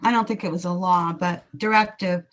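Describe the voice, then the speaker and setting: A woman's voice: on the low side, steady tone, brisk. A woman board member raising a point in a meeting discussion, speaking hesitantly and carefully.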